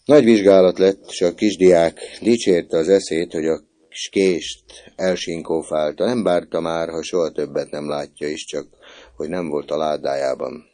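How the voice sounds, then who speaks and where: A man with a very deep, dark voice narrates a novel as an audiobook. His delivery is measured and even, unhurried. The tone is mellow and low throughout. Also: no room sound. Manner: measured storytelling.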